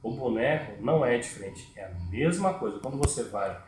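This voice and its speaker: A man's voice: medium pitch, lively intonation, fairly quick, darkish tone, slight background noise. A man, teaching puppetry step by step and repeating his points. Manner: repetitive, explains step by step. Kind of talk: tutorial explanation. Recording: echoey room.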